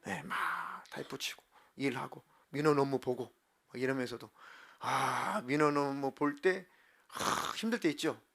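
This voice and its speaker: A male pastor preaching a sermon in church, acting out heartfelt prayers and swinging from soft to loud. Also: medium pitch, normal speed, gravelly. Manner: acts out prayers and inner voices with big swings in loudness. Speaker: senior pastor. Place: church sanctuary.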